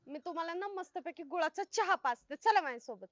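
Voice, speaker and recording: An actress playing a loud, bossy village woman who talks in a rustic, scolding way. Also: extremely high pitch, expressive, brisk, dry recording. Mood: bossy, puzzled. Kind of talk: comic web film acting. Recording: dull, dry film sound.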